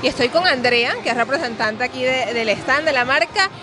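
A woman reporter asking brisk, friendly questions into a handheld mic at a fitness trade fair. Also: sits high. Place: large exhibition hall at a fitness fair. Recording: loud music and crowd noise in hall.

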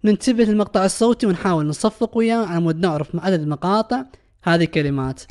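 A man's voice: high-pitched, fast, darkish tone. Male teacher, Iraqi Arabic accent, patient, repeats and translates words. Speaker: English teacher. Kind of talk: recorded classroom lesson explanation.

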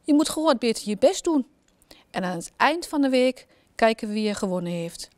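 A woman voicing a stubborn, indignant storybook queen with a shrill voice. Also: animated, brisk, darkish tone, no room sound, close to an everyday voice. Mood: firm.

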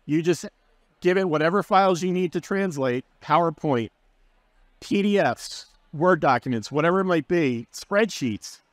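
A man's voice: on the high side, normal speed, dry recording. Upbeat man explaining a workflow. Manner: casual, enthusiastic, explaining with fillers. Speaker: guest speaker, learning and development manager. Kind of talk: conference session talk.

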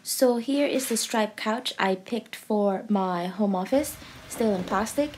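A woman's voice: medium pitch, slow pace, a little mellow, a little hiss or hum. A young adult woman vlogger giving a cheerful, chatty voice-over for a home video, with frequent ums and uhs.

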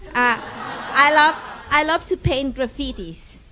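A woman from Bolivia introduces herself to a room, stopping and restarting with small giggles. Her voice sits a little high, with faint room noise behind her. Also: bright, forceful tone, a faint crowd, poor audio. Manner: halting, giggly. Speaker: conference participant. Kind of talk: self-introduction to an audience. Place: conference room with audience. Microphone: handheld mic.

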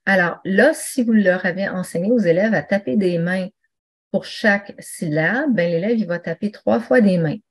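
A woman with a husky, mid-range voice presents an online teaching webinar at a moderate pace. She's chatty and conversational, with lots of fillers and restarts.

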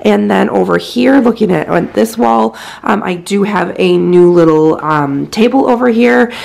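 Speaking unhurriedly in a medium-pitched voice that's creaky, scratchy and a bit dark, a thirtysomething woman walks through her house on a casual decor tour. Fillers pepper her speech, and she records on a handheld phone camera.

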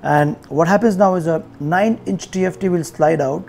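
A tech reviewer in his forties with an Indian accent presents an unboxing in an indoor, showroom-like room, chatting casually and addressing viewers directly. His voice is fairly high, gravelly and darkish, at normal speed, with soft music in the background.

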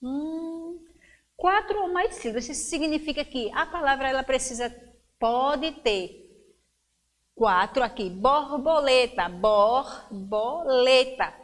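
A woman's voice: high-pitched, expressive, unhurried. A woman teacher giving a lesson to young children, encouraging them and stretching words out syllable by syllable. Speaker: schoolteacher.

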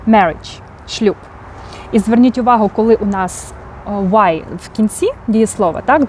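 A woman's voice: mid-range voice, slight background noise. A woman with a Ukrainian accent teaching English vocabulary, explaining patiently and often checking in with "так?". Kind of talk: vocabulary lesson.

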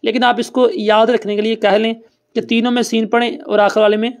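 A patient recitation teacher with a middle-pitched voice leads a call-and-response classroom lesson, explaining each rule step by step in plain, conversational language. The tone stays level as students are quizzed and made to repeat answers back.

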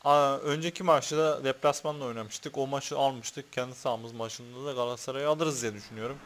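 A man's voice: mid-range voice, fairly even intonation, brisk, fairly bright tone, a little hiss or hum. A man commentating on a football video game he is playing, talking to the players on screen, swearing, and getting worked up over fouls. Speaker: gaming YouTuber.

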